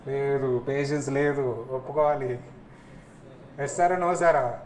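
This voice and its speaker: A man's voice: medium pitch, unhurried. A man teaching a class, quizzing his students and acting out little scenes as he goes. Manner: lively, asks students questions, acts out scolding scenes. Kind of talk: classroom lecture. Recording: echoey room, faint noise.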